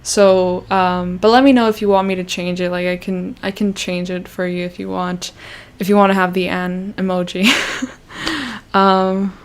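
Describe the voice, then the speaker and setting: A young woman from Canada hosts a relaxed livestream, her smooth voice sitting on the low side with little pitch movement at a moderate pace. Self-conscious, she rambles, backtracks, and fills gaps with fillers.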